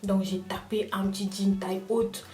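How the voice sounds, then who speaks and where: A young woman vlogger telling a personal story in casual chat, talking straight to her viewers in an animated way. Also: mid-range voice, normal speed, echoey room, far from the mic, soft background music. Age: young adult. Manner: animated, addresses viewers directly.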